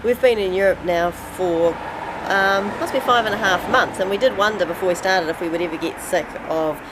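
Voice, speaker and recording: Talking briskly in a mid-range voice, a middle-aged New Zealand woman vlogs her travels in a relaxed chat to camera. Noise from the outdoor and vehicle locations comes through in the recording.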